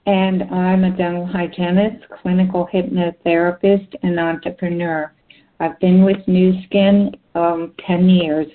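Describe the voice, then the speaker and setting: A woman hypnotherapist speaking in a soothing, measured way with long pauses, as if leading a guided relaxation. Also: fairly low pitch. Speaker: clinical hypnotherapist. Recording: thin phone-like audio.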